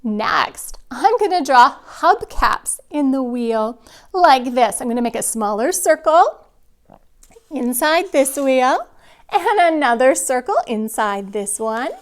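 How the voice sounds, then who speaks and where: A woman's voice: sits high, lively intonation, slow. A woman teaching young children step by step like a kids show host, with simple, encouraging prompts. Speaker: children's drawing and spelling teacher. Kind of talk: kindergarten lesson, step-by-step instruction to children.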